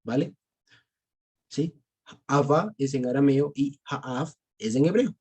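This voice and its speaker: A man's voice: medium pitch, takes it slowly, a little mellow, slightly rough. A man with an Ecuadorian Spanish accent teaching a small-group Bible class over a video call, explaining step by step and checking in with his listeners after each point.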